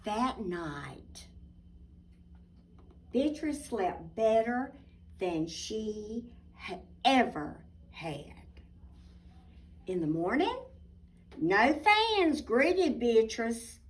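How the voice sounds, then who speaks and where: A woman with a slightly high voice reads a children's picture book aloud, lively and swooping. She goes very slowly, pausing for drama and slipping in little asides to her young listeners. She sounds distant, set back from the microphone.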